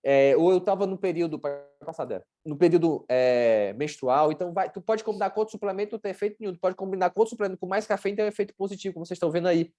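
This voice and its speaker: A woman with a Brazilian Portuguese accent runs a sports nutrition workshop, teaching informally in a blunt, chatty style full of slang and acted-out examples. Her voice is lowish and warm, and she talks very fast with hardly any pauses.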